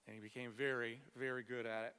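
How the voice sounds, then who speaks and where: A man delivering a prepared funeral eulogy for a friend, tender and measured, in short phrases with weighted pauses. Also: medium pitch, little pitch movement, pushed and bright, clear, resonant tone. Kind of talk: prepared memorial speech. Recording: long echoing reverb of a hall.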